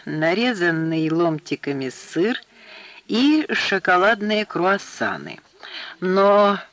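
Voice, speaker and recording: Slow, high-voiced male narrator. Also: a bit bright, no echo. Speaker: audiobook narrator. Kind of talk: scripted narration.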